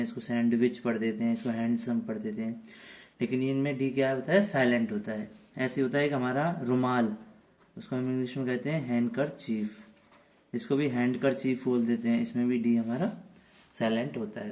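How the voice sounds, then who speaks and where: A man's voice: mid-range voice, a little mellow. Man teaching children in a lesson. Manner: repetitive rhetorical questions, spelling words out letter by letter. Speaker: English teacher.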